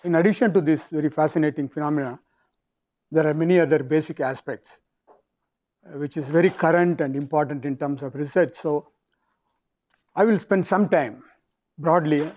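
A man with a South Indian accent speaks as a university lecturer. His voice sits a little high for a man, and he delivers the material in halting phrases, pausing as he goes. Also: darkish tone. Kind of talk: academic lecture.

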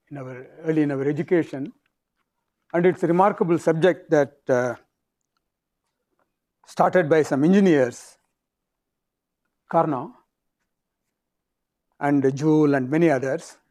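A man with a South Indian accent giving an academic physics lecture in halting phrases with pauses. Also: a little high, a little mellow.

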